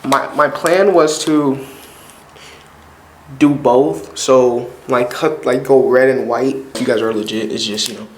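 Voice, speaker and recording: A man's voice: mid-range voice, fairly even intonation, slow pace, slight background noise. A young man vlogging casually as he works on his bike, rambling in a loose, slangy way. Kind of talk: casual talk while working on a bike. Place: indoor room downstairs. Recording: echoey room.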